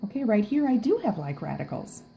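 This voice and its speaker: Chatty woman teacher, mellow voice. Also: medium pitch, sing-song, a little fast, gravelly, slight background noise, low-quality recording. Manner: chatty, filler-heavy, says okay often. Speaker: math teacher. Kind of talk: casual video lesson. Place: outdoors in a backyard, then recording a screen lesson.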